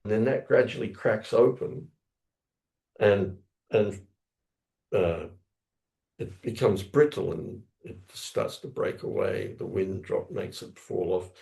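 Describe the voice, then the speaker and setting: A man's voice: fairly low pitch, takes it slowly, gravelly, long pauses, dark tone. A man giving a scripture class, telling a story in a rambling way, often correcting himself and acting out sounds with his voice. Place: temple lounge class, indoors.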